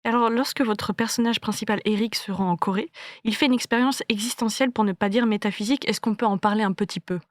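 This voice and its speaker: A woman's voice: mid-range voice, dry recording, clean studio sound. Woman hosting a book podcast. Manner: measured, polished questioning. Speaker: podcast host. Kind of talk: interview questions.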